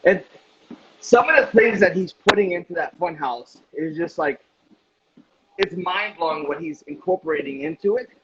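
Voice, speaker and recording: A man's voice: on the high side, normal speed. A man chatting casually as an interviewer, with short reactions and questions. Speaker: interviewer, host. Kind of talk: casual chat. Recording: dull lo-fi audio with clear noise.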